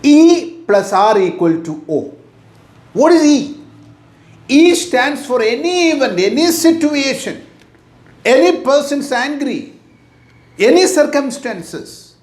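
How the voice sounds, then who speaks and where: A middle-aged man with an Indian English accent giving a motivational talk, slow and deliberate, repeating his key phrases. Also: very high-pitched, sing-song, a little mellow. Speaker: motivational teacher. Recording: echoey room.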